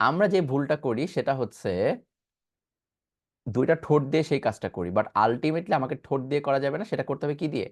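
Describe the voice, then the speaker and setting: A man's voice: mid-range voice, quick pace. A man giving an online pronunciation class, asking questions and answering them himself, and demonstrating sounds. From Bangladesh. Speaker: pronunciation teacher.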